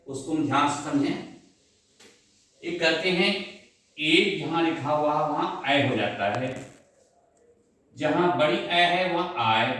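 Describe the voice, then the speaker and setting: Male grammar teacher, very slow delivery, slightly high voice, recorded from a distance in a roomy echo. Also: fairly bright tone. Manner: repeats and spells out syllables, asks questions. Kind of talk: slow classroom explanation. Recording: echoey room, voice from far off.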